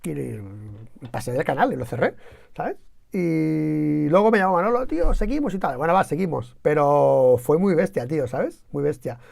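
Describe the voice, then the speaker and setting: A Spaniard talks loosely on his channel's live stream, rambling story to story and full of slang. His voice is gravelly, with some fry at mid pitch, and the sound is dry and close. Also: expressive, moderate pace, no room sound. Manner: rambling, slangy, tells anecdotes with quoted shouting. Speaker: YouTube channel co-host. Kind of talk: casual live-stream chat.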